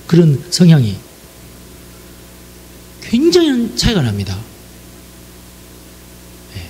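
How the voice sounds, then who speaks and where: Slow and darkish in tone, his high-leaning voice swings hugely in pitch as he preaches. The Jeolla man keeps things chatty, speaking directly to listeners and affirming them often, with slight background noise present.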